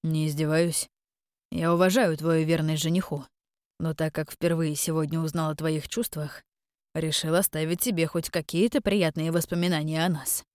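A woman voicing a young crown prince who speaks calmly and deadpan with a faint mocking edge. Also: sits low, normal speed, dry recording, clean studio sound, lightly acted. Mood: teasing. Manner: calm, deadpan, mildly mocking. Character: young crown prince, cool, hard and teasing.

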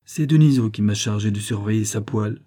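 A man's voice: on the low side, fairly quick, warm tone, lightly acted. A man reading the part of a courteous, good-humored young colonel in an audiobook. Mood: genial.

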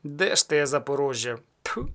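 A man voicing a calm, teasing cossack sorcerer in an audiobook, raised and loud when he dares his guest. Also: mid-range voice, normal speed. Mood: gruff.

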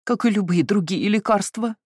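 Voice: mid-range voice, moderate pace, husky, dry recording, studio quality, voice pushed up, lightly acted. A reader voicing a tearful, fussy middle-aged mother who moans and laments in an audiobook. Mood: lamenting. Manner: whimpering, lamenting. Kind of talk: audiobook reading.

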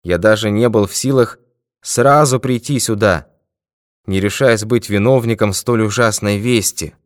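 A man doing a hoarse, blustering villain. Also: on the low side, a little slow, no room sound, clean studio sound, voice pushed up, close to an everyday voice. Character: cunning male murderer, hoarse and blustering.

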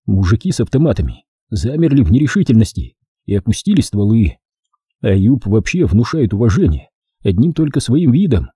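A man narrates an audiobook in a very dark, warm, husky voice. His pitch rises and falls in an animated way, and the recording is dry and close. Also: normal speed, no echo. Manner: expressive, storytelling delivery. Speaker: audiobook reader. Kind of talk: scripted narration.

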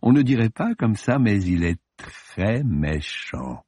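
A calm, dryly amused woman, as a male reader puts her on, in a low, husky, close voice. She states things evenly and without fuss. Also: slow pace, exaggerated voice. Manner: calm, dry, matter-of-fact.

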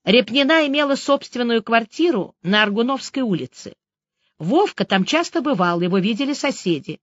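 Lively woman reading a novel aloud. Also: on the high side, moderate pace, dry recording. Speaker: audiobook narrator. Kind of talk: scripted first-person narration. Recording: dry, slightly dull audiobook recording.

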